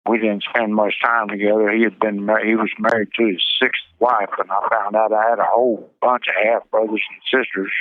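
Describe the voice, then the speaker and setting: A low-voiced man speaks over a tinny prison phone line that sounds dry and close. He gives terse, halting short answers as an interviewee. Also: level tone, no echo. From Missouri.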